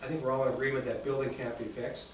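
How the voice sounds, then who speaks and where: The meeting's chairman, a man with a mid-range voice, briskly reads out motions and calls for votes. Captured from a distant mic, his voice bounces around an echoing, hard-surfaced chamber over persistent room hiss.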